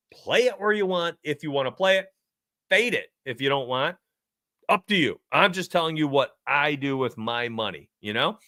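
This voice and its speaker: A man hosts a sports betting livestream, his voice bright and forward. He talks in a casual, rambling way and chuckles often. The sound is dry and close to a desk mic. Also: on the high side, no room sound. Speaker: sports betting show host.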